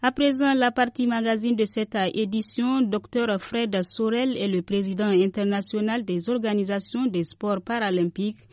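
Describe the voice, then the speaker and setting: A woman anchoring a radio news bulletin, reading a formal script in a measured way. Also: medium pitch, steady tone, darkish tone, no echo. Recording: dull lo-fi recording.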